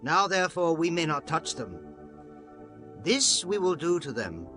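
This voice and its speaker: A solemn prince in a biblical audio drama. He declaims with firm authority and wariness, in a high, bright voice that swings widely in pitch. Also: sing-song, a little slow, soft background music, full character voice. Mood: firm decree. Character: Israelite prince, wary, firm, authoritative elder statesman. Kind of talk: dramatized scripture audiobook acting.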